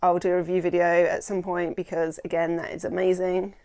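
A woman's voice: fairly low pitch, flat delivery, a little fast, dark tone. A woman in her thirties chatting enthusiastically on a renovation vlog, recorded indoors at home on a lapel mic. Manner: enthusiastic, chatty, lots of ums. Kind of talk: casual vlog narration. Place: house under renovation, indoors.

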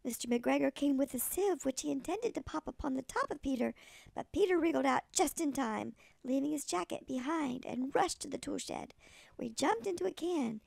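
A sweet older woman with a thin, creaky voice, reading a children's story expressively like a kindly storyteller. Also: high voice, lively intonation, moderate pace, darkish tone, no echo. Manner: sweet old lady.

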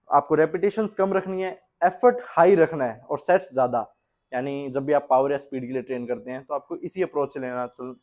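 A young man with a slightly high voice talks through workout advice as a fitness coach. He explains in a plain, steady way, recorded in a small home gym with the camera a few meters off. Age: young adult. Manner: plain, steady explaining with Hindi-English mix. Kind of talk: instructional fitness talk.

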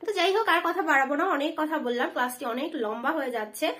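A woman teacher giving a spelling lesson to children, spelling words out slowly syllable by syllable. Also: high voice, lively intonation, a bit bright.

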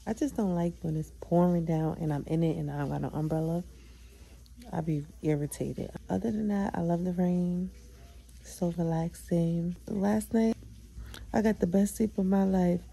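A young woman talks straight to her listeners in a loose, candid solo podcast, swearing freely and hyping herself up. Her voice is very dark and gravelly, with a husky edge and plenty of vocal fry. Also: on the low side, moderate pace, poor audio. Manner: chatty, candid, profane, self-affirming. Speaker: podcast host. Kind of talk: casual solo vlog chat.

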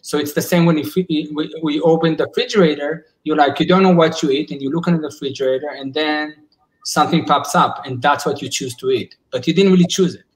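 A man in his forties speaks through a laptop webcam from home, his voice sitting a little high. He is earnest and thinks out loud, with frequent false starts and repeated words as he works his ideas out. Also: fast, poor audio. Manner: earnest, searching for words with many restarts. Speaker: psychologist. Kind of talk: casual video call discussion. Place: indoors at home. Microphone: laptop webcam on a video call.

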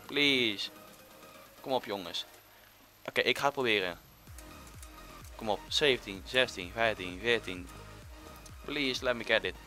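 A young male gamer talks through his match in a bright, forceful voice, breaking into loud excited bursts and then dropping to low muttering. Faint game music plays behind him on a headset-style mic. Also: measured pace, long pauses. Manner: excitable, chatty, swings between loud outbursts and muttering. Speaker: gaming YouTuber. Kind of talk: casual gameplay commentary.

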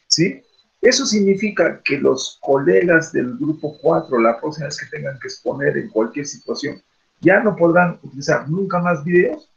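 A man leads an online class. He rambles along in a slightly high, gravelly voice, filling pauses with "este" and asking rhetorical questions. The video call audio sounds dull and lo-fi. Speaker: teacher leading an online class.

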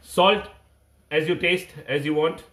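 A man's voice: a little high, steady tone, takes it slowly, fairly bright tone, slight background noise. A man in his thirties with an Indian accent, chatting casually as he hosts a live cooking stream, often repeating short phrases. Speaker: cooking livestream host. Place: home kitchen, indoors. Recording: echoey room, phone mic.

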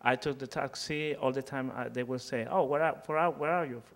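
A man from Cuba speaks English, his voice gravelly. He halts often, restarting words and filling pauses. He holds a microphone on an auditorium stage. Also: mid-range voice, steady tone. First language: Spanish. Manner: halting, many fillers and restarts. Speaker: panelist writer. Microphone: handheld mic.

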